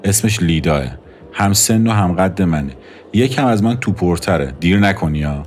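A man reading the part of a cool, sardonic young woman who runs card games, speaking dryly and quietly mocking, over faint music. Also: low-pitched, lively intonation, a little hiss or hum. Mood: dry, matter-of-fact. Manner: dry, quietly mocking, matter-of-fact.

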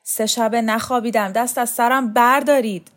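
A woman's voice: a little high, pitched above the performer's own voice, natural voice. A woman doing a bitter, worn-out young man. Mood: agitated. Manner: bitter, pleading, agitated. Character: weary desperate young man, bitter and rebellious.

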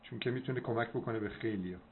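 A man speaking didactically and affirmingly in an advisory conversation over a landline phone. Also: medium pitch. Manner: didactic, affirming, recites verse. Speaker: doctor hosting the call. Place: telephone call. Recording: narrow landline phone, noisy line.

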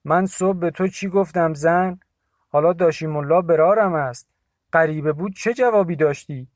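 A man's voice: high-pitched, a little mellow, dry recording, clean studio sound, pitched above the performer's own voice, lightly acted. A man voicing a scornful older village man who scoffs, in an audiobook. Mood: scolding. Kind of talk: audiobook character voice.

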